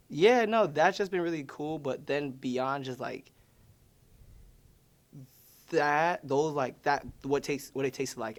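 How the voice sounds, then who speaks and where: A man, answering interview questions in a loose, rambling way, full of "like" and "you know". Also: mid-range voice. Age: 20s. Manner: loose and rambling, heavy use of "like". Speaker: featured artist. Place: studio or room.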